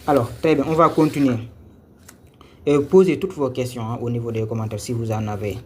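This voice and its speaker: A man's voice: mid-range voice, fairly even intonation, a little fast, a little mellow, slight background noise. A man teaching a live-streamed lesson on Quran reading, patient, repeating each step and checking if viewers follow. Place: Senegal.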